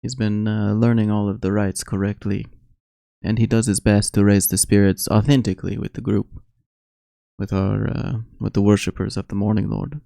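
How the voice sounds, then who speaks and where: A man voicing a kindly older male priest in a tabletop game, earnest and halting. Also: fairly low pitch, steady tone, vocal fry, warm tone, dry recording, studio quality.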